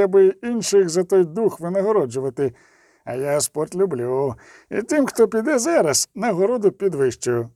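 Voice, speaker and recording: A man's voice: high-pitched, mellow, no room sound, clean studio sound. A man voicing a boastful, portly middle-aged merchant who talks in a smug, self-assured way.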